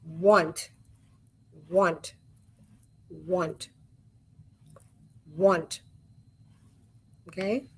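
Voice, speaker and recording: Woman, sign language teacher, online webinar, slow, husky, patient, soft repetitions. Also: fairly low pitch, steady tone. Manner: slow, patient, repeats each word softly while demonstrating signs.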